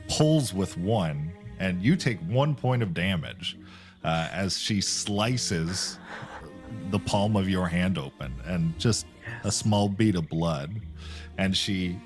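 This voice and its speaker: Low-voiced guy running a tabletop game, lots of uhs and ums, faint music behind. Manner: rambling, halting with many fillers. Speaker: game master.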